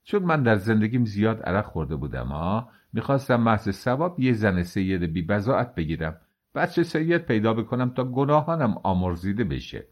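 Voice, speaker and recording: Rough, threatening male carter, coarse; a man reading all parts. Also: fairly low pitch, sing-song. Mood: mocking.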